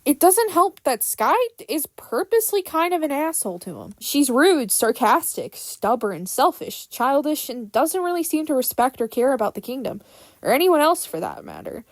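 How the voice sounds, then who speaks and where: A woman's voice: high-pitched, very animated, moderate pace, no echo. A woman delivering a casual, scripted rant about characters in an opinionated, unhinged, sweary manner with informal sarcastic asides. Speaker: fan fiction creator.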